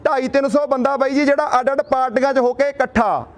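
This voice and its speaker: A man from Punjab addresses an outdoor protest in an impassioned public speech. His voice sits very high for a man. He drives his points home with rhetorical questions and folksy stories. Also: steady tone, brisk. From Punjab, India. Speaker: speaker at a protest sit-in.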